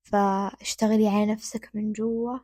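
A woman's voice: medium pitch, level tone, normal speed, dark tone, dry recording, clean studio sound. A young woman gives earnest, casual advice as the host of her own talk, repeating points for emphasis.

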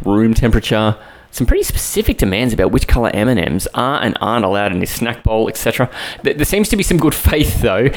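Aussie guy hosting a podcast, jokey upbeat intro, voice bounces up and down a lot, music under it. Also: on the low side. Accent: Australian. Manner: upbeat, tongue-in-cheek announcer. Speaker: podcast host.

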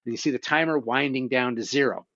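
Talking fast in a mid-range, somewhat bright voice, a man hosts a show where he chats casually about horror films and animatedly recounts scary stories, with the odd curse word. The sound is lo-fi with no room sound.

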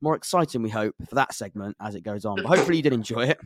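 A man's voice: medium pitch, animated, racing, dry recording, clean studio sound. An English man hosting a casual football podcast, chatty and self-deprecating, laughing often. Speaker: podcast host.

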